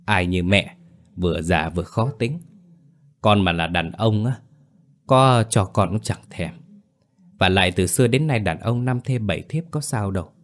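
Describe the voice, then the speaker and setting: A man voicing a scheming young daughter-in-law who coaxes with sly flattery. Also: fairly low pitch.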